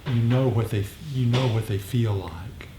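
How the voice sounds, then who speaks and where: In a meditation group meeting room, a man with a mid-range voice speaks a little slowly while guiding an informal discussion. His explanations are reflective, and he repeats his phrases often. The room echoes, and faint background noise can be heard.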